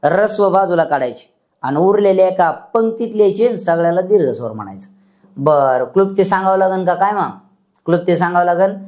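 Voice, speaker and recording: A man's voice: sits high, brisk, a little mellow. A male teacher runs a grammar lesson and keeps checking whether the class is following. He recites lists of letters in a rhythmic chant and repeats his points, asking the same questions again and again. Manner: drills students with repeated questions and answers.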